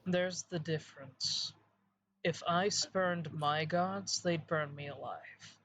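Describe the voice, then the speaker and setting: A man improvising in character during a tabletop role-playing game, measured and matter-of-fact. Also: fairly high pitch, fairly bright tone, a little hiss or hum, poor audio.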